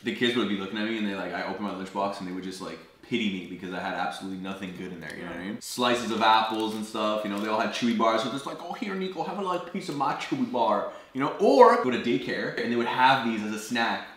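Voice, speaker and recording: Fast-talking slangy young man. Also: lowish voice, a bit bright. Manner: slangy, laid-back, says yo and man. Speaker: vlogger. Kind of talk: casual snack taste-test chat. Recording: echoey room, faint noise.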